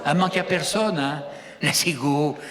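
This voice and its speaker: A man's voice: fairly high pitch, normal speed, crowd noise. A man with a rural French accent doing live stand-up comedy, teasing the audience with rustic banter. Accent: regional rural French. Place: live show hall. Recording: long reverb of a live hall.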